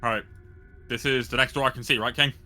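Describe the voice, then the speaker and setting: A man's voice: medium pitch, fairly even intonation, quick pace, sharp tone, soft background music. A man playing a tabletop game, talking in casual, slangy banter with some swearing.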